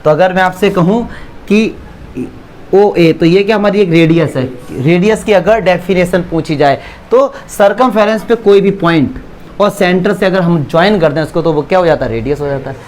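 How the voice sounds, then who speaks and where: A man's voice: sits high, a little fast, a little mellow, a little hiss or hum. A man teaching a maths class, asking questions and answering them himself, joking with his students in the classroom. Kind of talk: classroom lecture.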